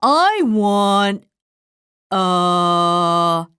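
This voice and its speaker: A woman voicing an anxious, melodramatic male elephant with a cold, sneezing and halting as she reads a storybook aloud. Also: mid-range voice, animated, bright, forceful tone, clear, resonant tone, dry recording, clean studio sound, full character voice. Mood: sneezy worried. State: sneezing, stuffy.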